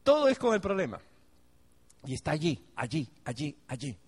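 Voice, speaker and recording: A man's voice: a little high, big pitch swings, normal speed, darkish tone, slightly rough. A man preaching a sermon, speaking directly to his congregation and acting out the pleas of worried believers. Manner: acts out pleading believers in raised voice. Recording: long hall reverb.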